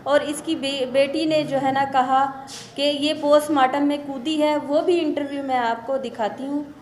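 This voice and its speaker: Insistent high-voiced middle-aged woman, echoey. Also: steady tone, measured pace, darkish tone. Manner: insistent, accusatory, hesitant fillers. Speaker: mother making public accusations. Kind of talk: emotional video statement.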